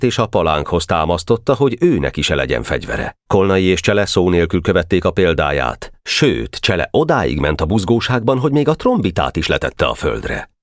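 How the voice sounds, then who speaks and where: A male audiobook narrator reads in a measured, expressive way. His voice is deep, with a lively, wide-ranging melody. The recording is close and dry. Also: no echo. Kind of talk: scripted narration.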